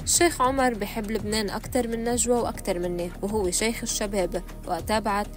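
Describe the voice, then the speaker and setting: A woman's voice: medium pitch, steady tone, fast. A woman reading scripted voice-over narration for entertainment news. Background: soft music.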